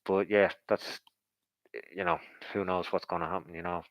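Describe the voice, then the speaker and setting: A man's voice: low voice, little pitch movement, normal speed, no echo, rough recording. A man giving casual, rambling boxing commentary in a conversational, speculative way, as if thinking aloud.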